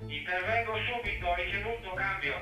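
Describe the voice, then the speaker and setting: A man's voice: high-pitched, a little fast, echoey room, over music. A man speaking as a security guard over a walkie talkie, in terse call-and-reply phrases.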